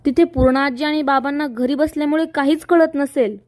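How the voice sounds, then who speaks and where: A woman's voice: high-pitched, steady tone, normal speed, darkish tone, dry recording, studio quality, natural voice. Woman doing a sly scheming young woman. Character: scheming young woman, sweet outside, spiteful inside.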